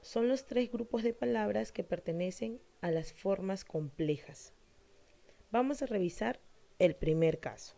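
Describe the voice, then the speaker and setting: Woman teacher, mellow voice, slow and deliberate, poses questions to the class and answers them. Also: medium pitch, gravelly. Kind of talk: explaining a Spanish grammar lesson to students.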